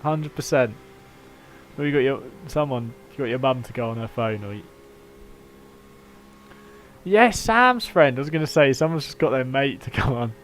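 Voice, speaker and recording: A British man hosts a casual racing livestream, switching between matey banter and race updates. His voice sits at a middling pitch, with a faint hum and vehicle noise behind it. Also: lively intonation, moderate pace, long pauses, fairly bright tone. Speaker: livestream host and sim racing team engineer.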